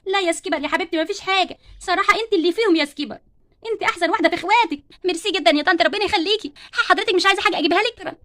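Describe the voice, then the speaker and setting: A woman's voice: very high voice, rapid-fire, pushed and bright. A woman voicing a polite, sweet sister doll in an Egyptian accent. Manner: sweet, apologetic.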